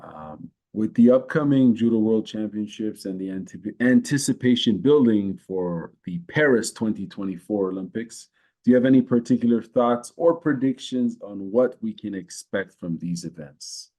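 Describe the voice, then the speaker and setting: A man hosting a podcast interview, asking questions politely with halting phrasing and fillers. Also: lowish voice, mellow. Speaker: podcast host.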